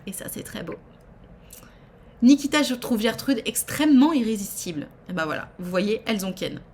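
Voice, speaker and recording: A woman giving chatty, playful commentary while she streams a life-simulation game. She swings from excited squeals to low muttered asides. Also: moderate pace. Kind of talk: casual live game commentary.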